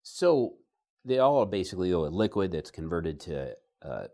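A man's voice: sits low, sing-song, fairly quick, a little mellow. A man hosting a talk interview, asking questions with dry sarcastic humor. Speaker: host.

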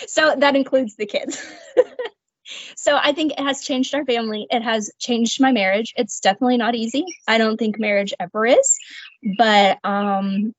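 A woman's voice: a little high, dry recording. A woman, a guest on a faith podcast, telling her personal testimony in an earnest, reflective way, with light laughs. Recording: slightly muffled, dry sound.

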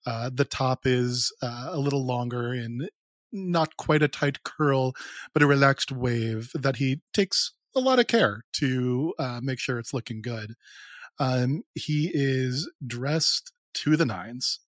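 A man describes his character at a tabletop game in a relaxed way, with plenty of filler words. His voice sits at a middle pitch. The recording is dry and close. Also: slow pace, dry recording. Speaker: player.

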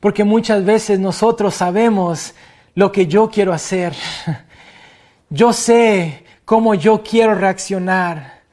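High-voiced male pastor preaching slow, lots of repeated questions to the church. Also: darkish tone. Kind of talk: sermon.

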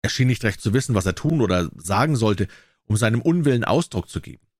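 Brief: male storyteller, lowish voice with a lot of melody, dry close-mic reading. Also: fast, no echo. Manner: expressive, lively storytelling. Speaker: reader. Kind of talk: audiobook reading of a classic story.

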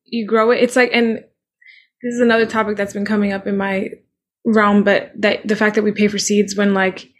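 A woman's voice: mid-range voice, flat delivery, normal speed, a little hiss or hum. A woman hosting a podcast, chatting eagerly and agreeing with her guest, rambling with "like" and "you know.". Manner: enthusiastic, agreeing, rambling with fillers. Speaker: podcast host. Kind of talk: casual conversational chat.

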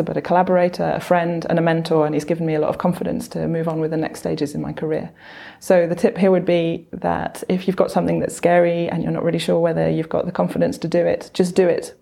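Brief: physicist woman from Belgium, low gravelly voice, fast earnest telling with fillers. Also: dark tone. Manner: quick, earnest, with frequent fillers. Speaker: physicist interviewee. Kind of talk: reflective career interview.

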